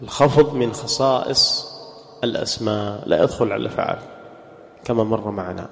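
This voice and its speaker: A man's voice: fairly low pitch, gravelly. Man teaching grammar in a reverberant hall. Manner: quizzes students and drills example words slowly. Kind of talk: classroom lesson.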